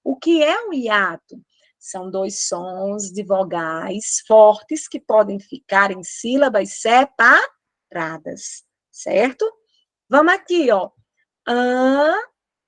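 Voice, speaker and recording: A woman's voice: mid-range voice, very animated, takes it slowly, fairly bright tone, dry recording. A Brazilian woman teaching Portuguese in an online exam-prep lesson, emphatic, drawing out her example words.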